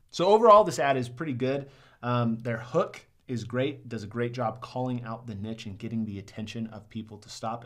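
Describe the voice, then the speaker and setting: A young man sitting at a desk in a small studio, casually critiquing ads to the camera in an upbeat way, with lots of "um"s. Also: fairly low pitch. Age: young adult. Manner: upbeat, many "um"s and "right?". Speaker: marketing reviewer.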